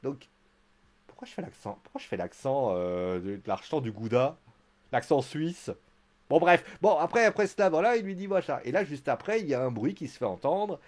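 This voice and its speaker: Un homme commente en direct et sans façon un show de catch, sur un ton bavard et plaisantin, ponctué d'apartés théâtraux. Sa voix est un peu aiguë pour un homme et très animée, avec de larges variations de hauteur. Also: male voice, on the high side, very animated, moderate pace, darkish tone. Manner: chatty, joking, theatrical asides. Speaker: wrestling show reviewer. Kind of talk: casual live-stream recap.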